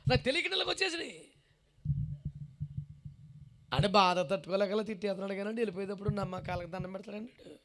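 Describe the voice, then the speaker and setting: High-voiced preaching pastor. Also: male voice, lively intonation, fast, long pauses, background noise. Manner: rhetorical call-and-response questions to the congregation; emphatic repetition. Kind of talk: sermon.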